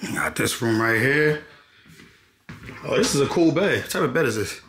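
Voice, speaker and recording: Very animated, with a mid-range and slightly bright voice at a moderate pace, a young man in his twenties shows off a rental apartment in casual slang. He's laid-back, says things twice, and keeps asking listeners "you know what I'm saying," moving from inside up to the rooftop. The sound, from a handheld camera held close, echoes through the rooms with distinct background noise.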